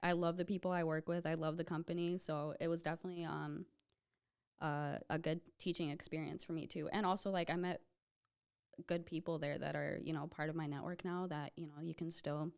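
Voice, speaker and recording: Woman, 20s, from Ethiopia, podcast guest, casual, low voice, smooth. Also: brisk. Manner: relaxed, peppers speech with "like". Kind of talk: casual chat.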